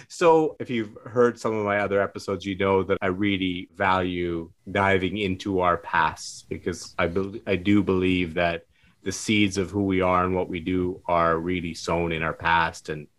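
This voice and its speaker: A man hosting a podcast interview, who asks questions in a warm, enthusiastic way and often repeats himself. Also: sits low, fairly even intonation, measured pace. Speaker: podcast host. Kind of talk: interview conversation.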